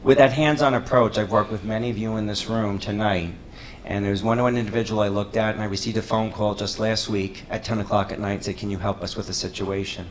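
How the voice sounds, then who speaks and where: A councilman with a New York accent giving an earnest, measured opening statement at a debate. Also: fairly low pitch, fairly even intonation, a little hiss or hum, low-quality recording. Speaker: town councilman and candidate. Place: public meeting hall.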